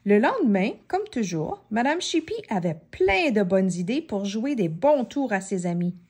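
A woman reading a children's story aloud, slowly and expressively, giving each character a voice. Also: medium pitch. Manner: expressive, slow and clear, voicing many characters.

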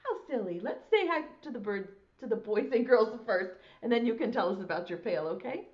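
Fairly quick and expressive, her slightly high voice carries a broad, singsong, theatrical nursery-rhyme lesson. This middle-aged preschool teacher is hosting children's circle time on a small indoor classroom set, captured by a lapel mic with the highs cut off.

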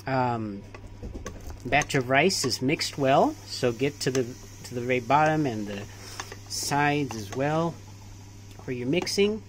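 Man, cooking vlog, slow unhurried talk, hesitant fillers, small kitchen, faint room hum. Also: mid-range voice. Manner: relaxed, hesitant, many fillers. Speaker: cooking vlogger. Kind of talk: casual cooking demonstration.

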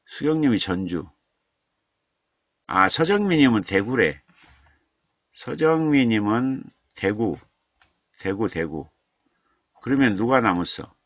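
A man hosts a live stream and reads viewer comments aloud in an unhurried, chatty way, often chuckling and repeating names. His pitch rises and falls in a lively way. The sound is dry and slightly dull, like lo-fi stream audio. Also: no echo. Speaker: literature professor hosting a live stream.

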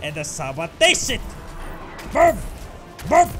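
Male gamer, upbeat let's play talker, animated higher voice, playful sound effects. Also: faint music behind. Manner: excitable, makes sound effects, chatty.

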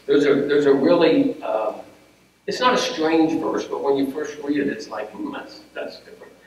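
A man's voice: fairly high pitch, normal speed, a little mellow, highs cut off. A man officiating a funeral, preaching a sermon in an earnest, conversational way with restarts. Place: funeral home chapel. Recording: very echoey hall, heard from a distance, faint room hum.

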